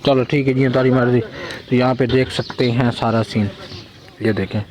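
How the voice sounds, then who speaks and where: A man's voice: medium pitch, steady tone, moderate pace, darkish tone, poor audio. A man with a Saraiki accent vlogging casually outdoors at a village function, talking straight to his viewers while he films on a handheld phone. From Pakistan. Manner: chatty, addresses viewers directly. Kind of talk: casual vlog narration.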